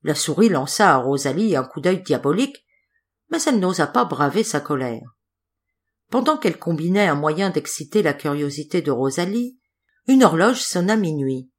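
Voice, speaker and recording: A woman reading a fairy tale aloud as an audiobook narrator, calm and measured. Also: sits low, breathy edge. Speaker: audiobook reader. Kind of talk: storybook narration.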